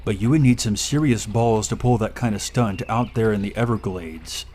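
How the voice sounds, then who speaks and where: A man reading a first-person horror story aloud in a steady, measured way. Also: fairly low pitch, a little hiss or hum. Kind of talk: scripted horror story narration.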